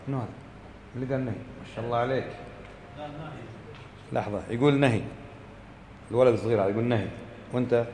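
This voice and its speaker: A man's voice: medium pitch, darkish tone. Guy teaching a class, keeps quizzing students and repeating himself, echoey room with faint background hum. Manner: questioning, repetitive teaching, recites verses in a chanting tone. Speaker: religious teacher. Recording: echoey hall with faint ambience.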